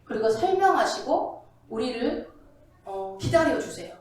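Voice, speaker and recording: A woman's voice: fairly high pitch, big pitch swings, measured pace. A woman pastor preaching a sermon in a church, asking the congregation questions. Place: church sanctuary. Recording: very echoey, distant from the mic.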